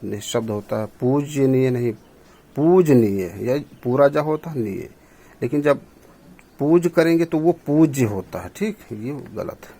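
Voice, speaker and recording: A man's voice: medium pitch, lively intonation, moderate pace, vocal fry, dark tone. A male teacher going through exam questions on correct usage, explaining each answer step by step. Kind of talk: exam prep lesson.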